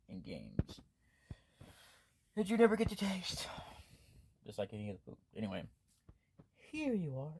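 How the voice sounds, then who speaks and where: A man's voice: mid-range voice, dark tone, a little hiss or hum. A man doing gameplay commentary, casually rambling and reading the game's text aloud, punctuation included. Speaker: let's play host.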